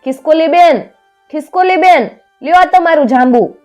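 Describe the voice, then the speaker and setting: A woman's voice: mid-range voice, moderate pace, a little mellow, muffled recording, faint music behind, close to an everyday voice. A woman doing a weeping jamun tree. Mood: calling out. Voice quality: sing-song, tearful.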